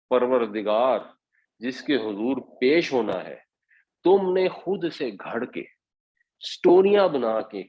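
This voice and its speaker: Man teaching scripture, muffled sound. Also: on the high side. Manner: patient step-by-step explaining. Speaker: Quran teacher. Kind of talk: Quran commentary lesson.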